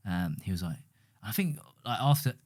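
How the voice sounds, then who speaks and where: Co-host, man, 30s, low mellow voice, quick relaxed delivery, casual chat. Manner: quick, laid-back, peppered with "like" and "right". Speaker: podcast co-host.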